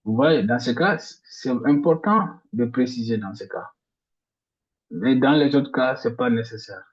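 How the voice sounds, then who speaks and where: A man teaching a grammar lesson step by step, repeating each example word slowly, with frequent restarts and hesitations. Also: medium pitch, animated. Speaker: language teacher. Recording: slightly dull lo-fi audio.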